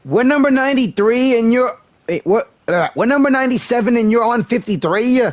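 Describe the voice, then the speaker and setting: A gaming streamer with an extremely high, expressive voice talks fairly quickly during live let's-play commentary. He's playful and hammy, role-playing replies and stammering through asides, with game music behind him.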